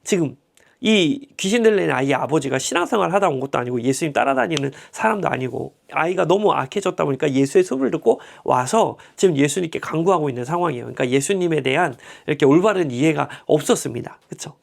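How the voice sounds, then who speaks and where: A male pastor leads a Bible class in a chatty, humorous tone and keeps checking in with his listeners through tag questions. His voice is gravelly and moves through a wide, animated pitch range. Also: quick pace. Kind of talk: conversational Bible teaching.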